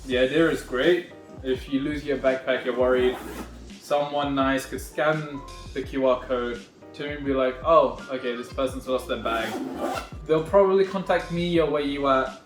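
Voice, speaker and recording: A man's voice: mid-range voice, normal speed. A man records himself on a phone while he pokes through a new bag, chatting in a rambling, wry way. The room around him rings with echo and faint music plays behind him. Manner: rambling, wry, self-correcting. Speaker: vlogger unboxing a backpack. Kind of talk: casual unboxing walkthrough.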